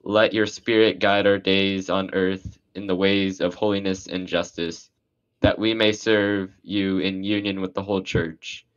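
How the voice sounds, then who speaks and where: A man leading a graveside burial prayer, reciting liturgy in a solemn, measured way. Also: deep voice, little pitch movement, smooth, lo-fi sound. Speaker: priest.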